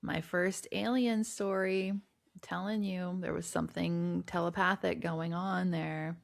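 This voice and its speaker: A woman's voice: fairly low pitch, fairly even intonation, measured pace, creaky. A woman co-hosting a podcast, chatting casually and making wry jokes. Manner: wry, joking. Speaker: podcast co-host. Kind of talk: casual chat.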